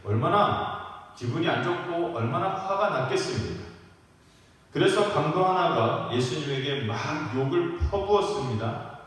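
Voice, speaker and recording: A man preaching a sermon as pastor, in a conversational, emphatic way with frequent fillers. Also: on the high side. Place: church sanctuary. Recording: echoey church hall, voice from far off.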